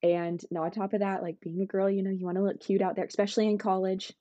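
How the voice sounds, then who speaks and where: A woman's voice: mid-range voice, little pitch movement, quick pace, warm tone, dry recording, highs cut off. A young woman guest on a podcast, chatting casually and giggling often, with lots of "like" in her speech. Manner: giggly, upbeat, says "like" a lot. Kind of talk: casual chat.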